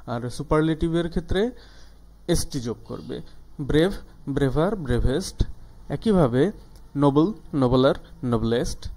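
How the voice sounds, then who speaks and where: A man, a native Bengali speaker, teaching an English grammar lesson, with frequent "ah" fillers as he slows down and stretches out the English examples. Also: fairly high pitch, lively intonation, mellow.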